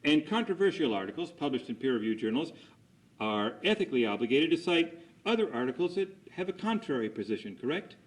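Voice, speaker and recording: A man's voice: mid-range voice, very animated, brisk, rough recording. A man conducting a cross examination as an attorney, putting formal, methodical leading questions and seeking agreement after each statement.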